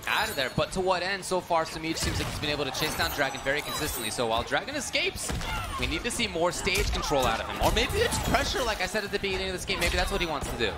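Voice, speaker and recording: Animated, fast-talking male esports commentator. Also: fairly high pitch. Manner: animated, stretches exclamations. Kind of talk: live colour commentary of a fighting game. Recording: loud music behind the commentary.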